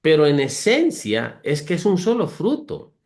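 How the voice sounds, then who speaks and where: A man's voice: a little high, huge pitch swings, unhurried, darkish tone. Earnest man teaching Bible verses. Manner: earnest, explanatory, reads verses aloud and lists virtues; homely, humorous comparisons, addresses listeners as brothers.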